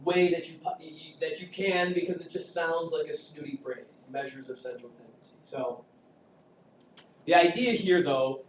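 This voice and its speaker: Guy teaching stats, kinda high voice, jokey and chatty, echoey room picked up from far off. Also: slight background noise. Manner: joking, chatty, asks class questions. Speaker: statistics instructor. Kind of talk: casual classroom lecture. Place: classroom. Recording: echoey classroom recorded from afar.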